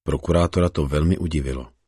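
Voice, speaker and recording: Very deep husky man reading scripture. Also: steady tone, mellow, dry recording, clean studio sound. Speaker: scripture reader.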